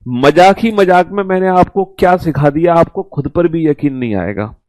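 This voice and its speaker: A male teacher leads a recorded class with a fairly high voice, drilling students on letters one at a time. He coaxes them along warmly. The sound is dry and close, with little room around it. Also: normal speed, dry recording. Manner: addresses students as beta, coaxing. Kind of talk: recorded online class lesson.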